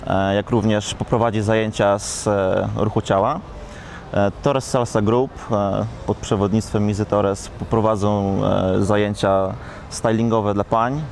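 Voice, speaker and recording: A young man with a low voice explains a dance workshop program in a TV studio interview. He talks through it steadily, filling pauses with hesitations, on a lapel mic. Faint background noise sits under his voice. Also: darkish tone. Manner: explanatory, with many hesitation sounds. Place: studio set in a shopping mall.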